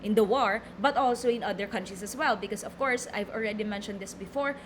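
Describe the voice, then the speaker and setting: A young Filipino woman with a Filipino accent teaches a recorded lecture, reading from slides and explaining with lots of fillers and repeated words. She speaks at a medium pitch and a quick pace, with slight background noise.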